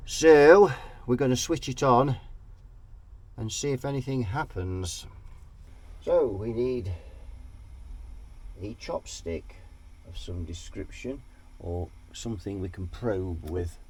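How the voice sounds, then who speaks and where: This man's voice sits in the mid range and is slightly mellow and husky, animated yet slow, with long pauses. He's got a head cold that makes him nasal and sniffly while he casually explains an amp repair at his workbench. Thinking aloud, he tends to drift off mid-thought and then restart.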